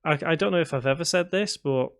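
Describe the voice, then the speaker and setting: A man with a faded Scouse accent from the Liverpool area of England hosts a casual game development tutoring livestream, chatting with viewers and answering their comments. His voice is a little high, fast, a bit bright and smooth. He mumbles to himself while he works.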